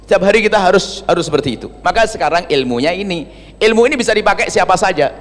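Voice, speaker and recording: Animated male preacher, echoing hall. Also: high voice, quick pace. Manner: animated, swings between loud emphasis and soft asides. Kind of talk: religious sermon. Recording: long hall reverb.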